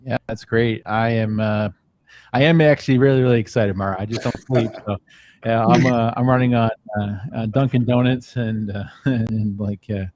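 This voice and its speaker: A man's voice: mid-range voice, fairly even intonation, moderate pace, a little mellow. A man hosting a casual livestream chat, rambling with lots of ums and uhs. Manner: rambling, filler-heavy. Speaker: founding member and host.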